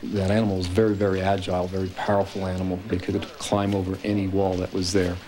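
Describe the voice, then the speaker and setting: A man recounting an incident in an interview in a measured way, repeating for emphasis. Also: deep voice, monotone, warm tone, a little hiss or hum. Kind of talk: interview recollection.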